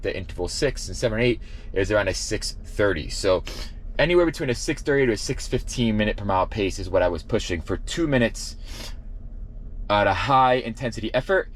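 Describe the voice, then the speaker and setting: A man's voice: on the low side, fairly quick, slight background noise. A man giving an informal vlog recap, often correcting himself as he explains. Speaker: running vlogger and shoe reviewer. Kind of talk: casual workout recap to camera.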